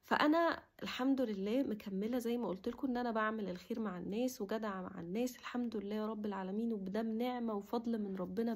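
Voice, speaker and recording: Woman, young adult, Egyptian accent, husky, quick talker, heartfelt casual vlog chat. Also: a little high. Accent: Egyptian Arabic. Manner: emotional, heartfelt, drops to a soft whisper at times. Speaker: vlogger. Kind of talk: casual personal talk to camera.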